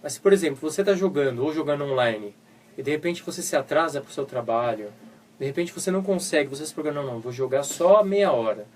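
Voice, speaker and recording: A Brazilian man with a slightly high, expressive, somewhat mellow voice talks quickly, sounding distant from the mic with slight background noise. He's a psychologist co-hosting a live web radio show while getting over the flu. Speaking in Brazilian Portuguese, he keeps things informal, explaining through everyday examples and voiced asides.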